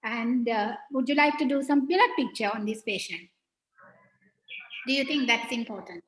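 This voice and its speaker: Woman, medical teacher, prompting students with questions, fairly high voice, roomy echo. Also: normal speed, a bit bright. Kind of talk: online clinical teaching session.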